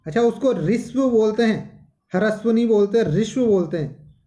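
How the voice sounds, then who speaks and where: A man's voice: high voice, moderate pace, dark tone. A man teaching a Sanskrit grammar lesson, talking to his students as children and patiently repeating each term.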